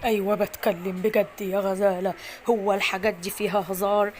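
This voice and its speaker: A woman's voice: medium pitch, level tone, fast talker, noisy background, close to an everyday voice. A woman with an Egyptian Arabic accent voicing a brave, protective male elephant in a storybook tale, earnest, reassuring and urgent. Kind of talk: storybook acting.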